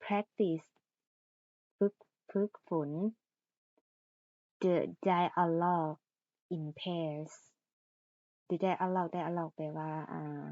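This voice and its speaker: Slow, patient woman teaching English. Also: on the low side, flat delivery, a little mellow, no room sound. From Laos. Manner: slow, patient, repeats each English word carefully. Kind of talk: explaining English pronunciation and vocabulary. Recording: dull lo-fi recording.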